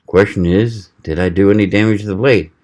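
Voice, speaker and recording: A man from the American South, reviewing a knife on camera in a relaxed, folksy way, thinking aloud while he cuts. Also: on the low side, brisk. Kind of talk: casual product test vlog.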